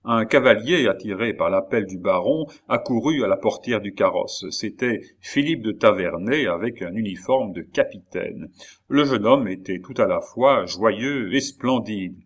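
A male narrator reading a classic novel aloud. His voice sits low and he keeps a measured, literary pace. It sounds like a steady audiobook reading.

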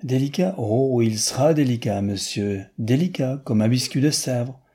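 A man's voice: medium pitch, a little slow, dark tone, slightly rough. A man reading aloud, voicing a sly, coquettish young woman copyist who bargains teasingly.

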